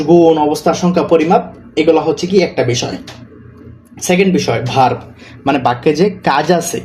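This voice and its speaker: A man teaching spoken Arabic, slowly repeating each example word as he explains his course notes. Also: fairly high pitch, mellow, a little hiss or hum.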